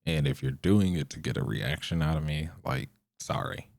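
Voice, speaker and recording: A young man hosting his own podcast, rambling unscripted in a monotone with lots of fillers. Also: rumbling low, normal speed, vocal fry, no echo, clean studio sound. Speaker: podcast host.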